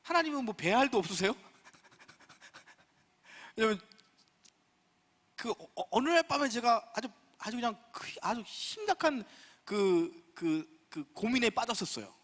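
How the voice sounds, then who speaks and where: A man's voice: extremely high pitch, very animated, slow, long pauses, a bit bright, in a large hall. A middle-aged man giving a church seminar talk, telling humorous personal stories and acting out dialogue with God. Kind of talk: humorous preaching-style lecture with personal stories. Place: church sanctuary.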